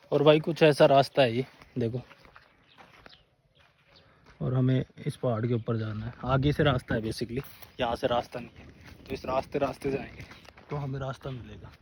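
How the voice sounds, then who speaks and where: A man with a sore, hoarse throat talks his viewers through an outing in open country. His chat is loose and friendly, and he keeps calling them brother. Faint outdoor noise sits behind his voice. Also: mid-range voice, fairly even intonation, normal speed, pauses often. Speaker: vlogger. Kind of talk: casual outdoor vlog narration. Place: outdoors on sand dunes and a forested hill.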